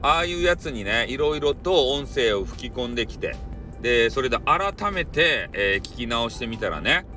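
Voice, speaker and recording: Animated man with a Kyushu accent. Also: mid-range voice, moderate pace, faint music behind. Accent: Kyushu Japanese. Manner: colloquial and jokey, with repeated "ne" tags. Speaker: solo audio-app broadcaster. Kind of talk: casual rambling monologue.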